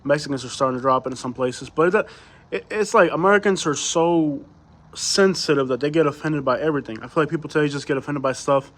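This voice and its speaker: Fairly high-pitched and fairly bright, this man's voice moves at a quick clip. He's a native Spanish speaker from Cuba running a livestream, replying to live viewer comments in a loose, conversational way packed with rhetorical questions.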